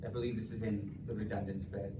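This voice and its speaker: A man's voice: lowish voice, little pitch movement, fast. A young man defending his thesis, answering examiners' questions in a hesitant, hedging way as he rephrases his points. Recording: echoey room, distant mic, clear noise.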